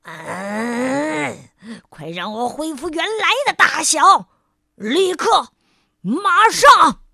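A woman voicing a rude, arrogant man in a children's story, barking his words gruffly. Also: medium pitch, animated, unhurried, dry recording, studio quality, pitched below the performer's own voice. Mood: furious.

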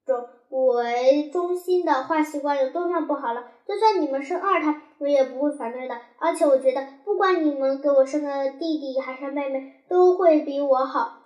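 A woman's voice: high-pitched, moderate pace, a little mellow, lo-fi sound, lightly acted. A woman voicing a sulky little girl who feels unloved and pleads tearfully with her parents. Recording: roomy echo.

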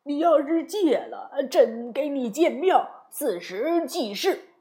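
Fretful ailing king for a storybook read, put on by a woman; pitched high, unhurried. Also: animated, mellow. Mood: pleading. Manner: slow, drawn-out, fretful royal speech. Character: anxious ailing old king. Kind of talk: children's storybook voice acting.

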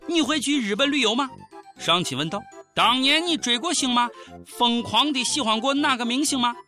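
A woman's voice: fairly high pitch, animated, normal speed, sharp tone, soft background music. A woman with a Shaanxi accent hosting a comic radio show in dialect, with a cheeky, theatrical, exclamatory delivery. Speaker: radio host. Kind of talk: comic scripted commentary in dialect.

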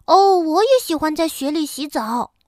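A woman voicing a playful, curious little bear cub in a high, childlike, excited voice. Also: normal speed, no echo, studio quality.

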